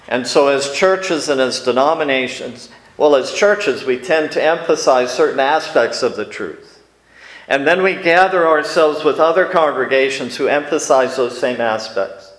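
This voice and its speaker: Male pastor preaching a sermon, measured and halting, in a reverberant church room. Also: mid-range voice. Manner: measured, frequent fillers.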